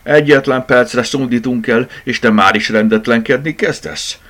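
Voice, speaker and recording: A man's voice: on the low side, big pitch swings, darkish tone, pitched above the performer's own voice. Man voicing a grumbly plush toy. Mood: grumbling.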